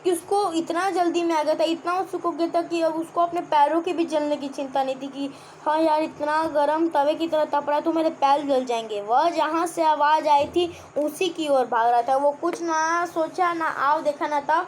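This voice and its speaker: Brief: young woman teacher, high voice, explains a kids' story line by line, asks the class questions, faint background hiss. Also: steady tone, normal speed, hardly any pauses. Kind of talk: explaining a children's textbook chapter.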